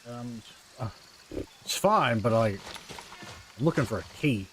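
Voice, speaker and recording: A man's voice: mid-range voice, expressive, unhurried, fairly bright tone, slight background noise. A young man giving casual gameplay commentary as a streamer, griping about the game and swearing freely. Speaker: gaming streamer.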